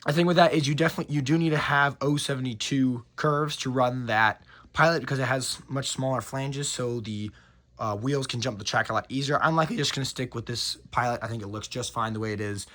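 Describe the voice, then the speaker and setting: Hoarse-voiced man hosting a hobby review, scratchy and upbeat, mid-pitched, casual delivery. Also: a little fast, fairly bright tone. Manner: enthusiastic, with frequent fillers and restarts. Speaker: model train reviewer.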